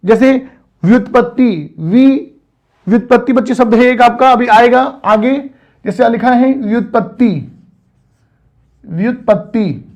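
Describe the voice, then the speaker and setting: A man with a very high-pitched voice gives an exam-prep grammar lecture. He works through examples step by step and keeps turning to his students with questions. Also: measured pace, darkish tone, highs cut off. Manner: explains step by step, keeps addressing students as children. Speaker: teacher.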